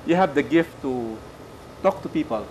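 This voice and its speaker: A man, a priest giving a casual spiritual talk, gentle and teaching, often checking in with his listener. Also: on the high side, expressive, a little slow, a little hiss or hum.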